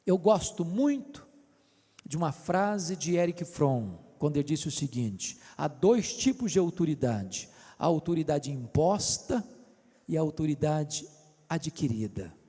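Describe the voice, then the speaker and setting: An older Brazilian man preaching a sermon with a Brazilian Portuguese accent, swinging between shouting and speaking softly. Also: fairly high pitch, animated, measured pace, husky. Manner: impassioned, swings from shouting to soft. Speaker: pastor. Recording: hall reverb.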